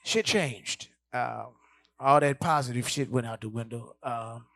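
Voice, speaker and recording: A man from Houston, telling a stand-up story in a profane, animated way. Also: mid-range voice, measured pace, vocal fry, no echo. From Houston, Texas. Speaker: comedian.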